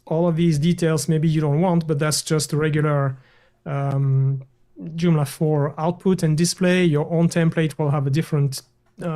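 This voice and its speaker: Sharing his screen on a video call, a guest developer demonstrates some software in a voice that sits on the high side. His delivery is halting, full of fillers and false starts.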